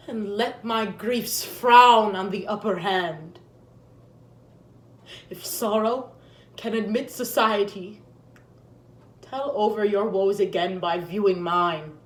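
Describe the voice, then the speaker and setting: A woman playing a bitter, grieving widowed queen in a declamatory Shakespearean stage monologue, with deliberate pauses. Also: mid-range voice, close to an everyday voice. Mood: quiet grief. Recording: echoey untreated room.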